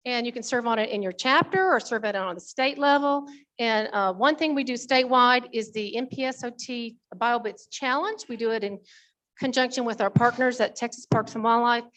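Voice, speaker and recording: A woman gives an informal committee report at a members meeting, talking conversationally and adding folksy asides to the audience. Her voice is on the high side and fairly bright, and she speaks fairly quickly.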